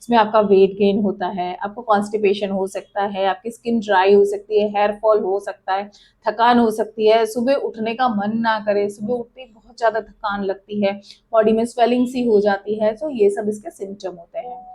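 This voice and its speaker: A woman's voice: mid-range voice, fairly even intonation, normal speed, warm tone. A middle-aged woman with an Indian accent, a dietitian explaining health topics in a patient, reassuring teaching tone.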